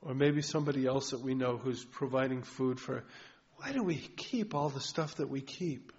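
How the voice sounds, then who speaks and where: A man's voice: mid-range voice, normal speed. Folksy male pastor, dull lo-fi sound. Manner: folksy, conversational, asks rhetorical questions. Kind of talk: sermon. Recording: dull lo-fi recording.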